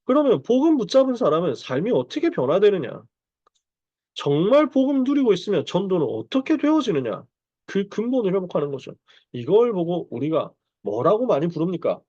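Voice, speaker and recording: A man's voice: sits high, big pitch swings, brisk, warm tone, no room sound, highs cut off. A male pastor giving a conversational sermon, acting out Bible dialogue as he preaches. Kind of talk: sermon to parents.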